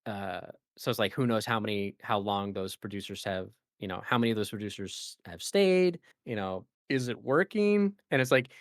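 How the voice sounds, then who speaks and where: A man co-hosting a casual gaming podcast, talking in a rambling, animated way with lots of fillers and restarts. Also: lowish voice, normal speed, few pauses, no room sound, clean studio sound. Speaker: podcast co-host.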